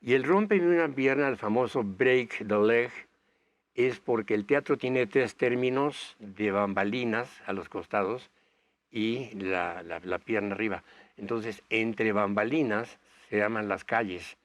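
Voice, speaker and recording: Low-voiced and unhurried, this older guest actor from Bolivia, who grew up touring South America, tells long stories in interview answers that wander and are packed with fillers. The recording has no echo.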